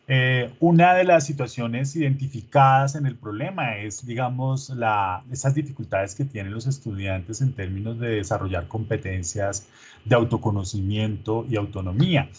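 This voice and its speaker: A man's voice: mid-range voice, moderate pace, slightly rough. A man, a teacher coaching his students through an online rehearsal in an informal, coaxing way, full of diminutives.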